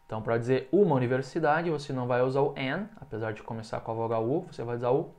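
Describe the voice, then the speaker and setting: A man with a middle-pitched voice teaches an English lesson, talking through a grammar rule in a relaxed, conversational way. He drops in quick check-ins with the learner and then slows down to say each example word carefully for them to repeat. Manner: explains in Portuguese, then says English words slowly for the learner to repeat; checks in often with quick casual asides. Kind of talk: recorded online language lesson.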